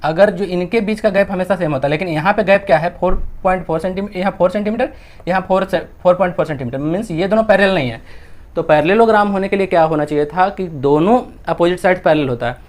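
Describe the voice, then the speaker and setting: A young man with an Indian accent and a high-pitched voice talks fast as a maths teacher working through textbook exercises step by step. He mixes Hindi with English and asks and answers his own questions.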